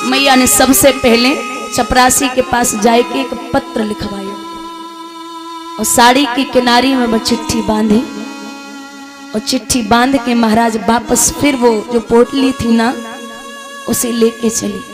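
A woman's voice: fairly high pitch, flat delivery, measured pace. A woman religious storyteller giving an emotional, preaching devotional sermon with music playing behind.

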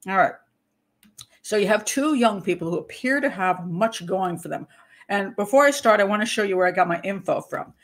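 An older woman, a criminal profiler, hosts a casual livestream in a hoarse, mid-range voice with lively intonation, clearing her throat now and then. She's chatty and rambling, cutting herself off and laughing readily.

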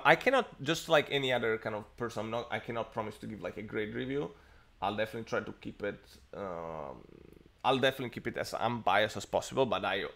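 On a tech livestream, a man in his thirties from Italy chats and rambles with many fillers. His voice sits on the low side, gravelly with a fairly bright tone. The setting is a home study lined with bookshelves, captured by an earphone headset mic on a webcam stream.

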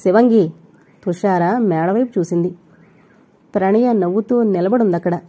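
A woman reading an audio novel aloud, with steady storytelling narration. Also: medium pitch, normal speed.

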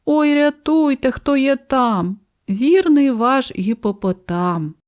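Picture a stuffed, complaining hippo, as a woman reading the storybook puts him on, pleading down the phone in a voice pitched a touch above her own. He sounds sorry for himself and drags his words along slowly. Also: animated, a little mellow.

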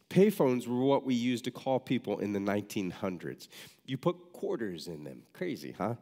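A man preaching a sermon, reading a story aloud in a measured storytelling manner with wry asides. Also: on the low side, a little mellow. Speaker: pastor. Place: church sanctuary. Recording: reverberant church hall.

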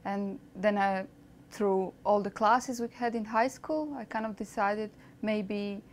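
Croatian woman in her thirties, researcher explaining her work, mid-pitched, hesitant but thoughtful, small office with light background ambience. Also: a little hiss or hum. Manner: thoughtful, measured, with frequent hesitations. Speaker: postdoctoral researcher. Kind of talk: documentary interview. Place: small lab office, indoors. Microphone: lapel mic.

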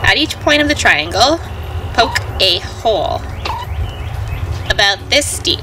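A young woman, a farm educator, giving clear, patient step-by-step gardening instructions. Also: mid-range voice, expressive, takes it slowly, noisy background. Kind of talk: instructional demonstration.

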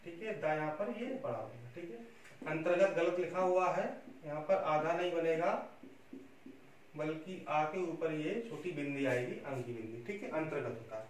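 This Hindi spelling teacher speaks a little high at a moderate pace, coaxing his students and asking "theek hai," or okay, almost constantly. It was recorded in a very echoey room from a distant mic, with slight hiss.

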